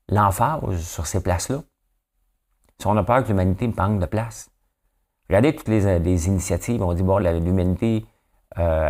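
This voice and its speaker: A man with a very low voice and a Quebec French accent, hosting his daily news commentary. He talks casually and rambles from point to point. He keeps tossing out rhetorical questions. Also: warm tone. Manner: rambling, asks rhetorical questions, often tags "hein?".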